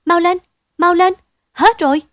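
A frantic peasant wife cries out in a high, strained voice, wailing at her husband. A woman narrator plays her, in a close, dry storybook reading. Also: steady tone, a little slow, no echo. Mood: elated. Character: panicked shrieking peasant wife.

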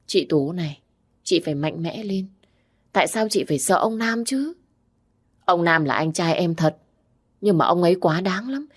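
A woman voicing a fierce, sharp-tongued young village woman who scolds bluntly. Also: fairly low pitch, animated, normal speed, long pauses. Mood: firm caring.

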